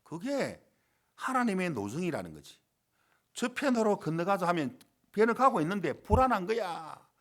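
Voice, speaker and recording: A man's voice: high voice, very animated, moderate pace. A male pastor preaching a sermon at a church service, fervent and full of rhetorical questions.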